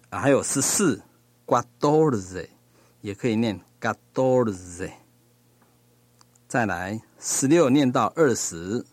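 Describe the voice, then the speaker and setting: Guy teaching a language lesson, super slow and careful, dry close sound. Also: medium pitch, a little mellow, dry recording. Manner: slow, deliberate, pronouncing each word carefully.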